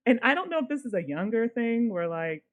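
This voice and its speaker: A woman co-hosting a podcast, telling a personal story in a casual, animated way and swearing now and then. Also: on the high side, fairly quick, phone-quality sound. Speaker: podcast co-host.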